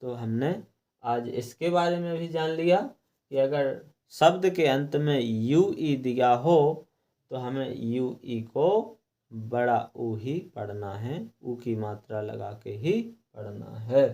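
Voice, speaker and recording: A man's voice: mid-range voice, slow, mellow. A middle-aged man teaching a lesson, repeating rules and asking questions that he then answers himself. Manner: repetitive, asks and answers his own questions. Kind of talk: classroom lesson explaining English pronunciation rules.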